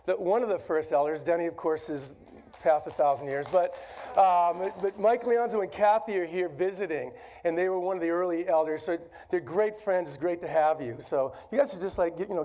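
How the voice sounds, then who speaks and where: A man with a Boston accent delivers a sermon from a church pulpit, his voice pitched high for a man. He talks in a loose, conversational way and likes to poke fun at himself. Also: a little mellow. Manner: conversational, self-deprecating. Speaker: guest preacher. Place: church sanctuary.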